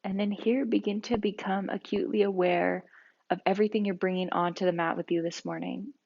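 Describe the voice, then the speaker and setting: A woman leading a guided yoga and breathing class, speaking calmly and slowly with soft-spoken guidance. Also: medium pitch, vocal fry, dull audio. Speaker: yoga instructor.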